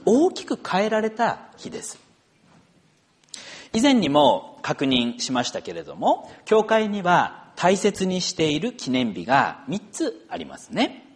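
A middle-aged man, a pastor, praying formally and then preaching a sermon with storytelling. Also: a little high. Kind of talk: church prayer and sermon.

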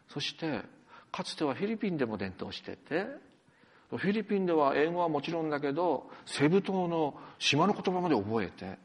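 A man preaching a sermon as pastor, in an animated, conversational way with asides. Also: medium pitch, gravelly, slightly rough. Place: church sanctuary. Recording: long hall reverb.

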